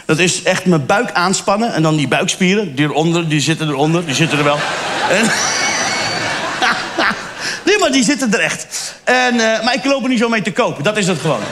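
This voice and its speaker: A middle-aged man doing stand-up comedy, often slipping into loud character voices. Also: high-pitched, normal speed, a little hiss or hum. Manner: animated, switches into shouted character voices.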